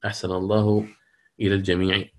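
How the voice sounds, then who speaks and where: Middle-aged male Quran recitation teacher, low voice, patient lecture style with slow recited examples and a closing prayer. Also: monotone, a little mellow. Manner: explains patiently, asks check questions, recites words slowly; closes with a long supplication. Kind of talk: lecture on Quranic reading rules.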